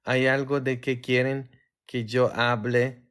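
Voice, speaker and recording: A man from Poland with a Polish accent, a priest chatting casually with viewers on a livestream in a tired, low-key way. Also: level tone, slow pace, a bit bright.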